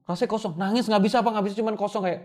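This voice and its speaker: A man's voice: high-pitched, fairly even intonation, rapid-fire, a little mellow. A young man telling a painful personal story to an interviewer, often addressing him respectfully as sir. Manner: emotional storytelling, addresses host as Pak often. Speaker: guest.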